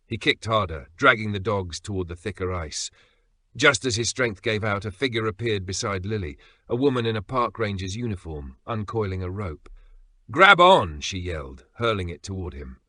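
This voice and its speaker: A man with a lowish voice tells a dramatic story in earnest, suspenseful scripted narration, pausing for effect. His tone is bright and forceful, recorded close and dry with no room sound. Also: dry recording.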